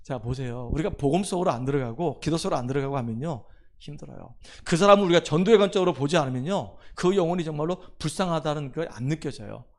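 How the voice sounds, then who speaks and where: A man's voice: fairly high pitch, expressive, fast. A middle-aged male pastor preaching a Sunday sermon in a church, telling a story in a conversational way and then rising to urge his listeners on. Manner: conversational storytelling, drops to a hush for quoted lines, then rises to exhort. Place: church sanctuary.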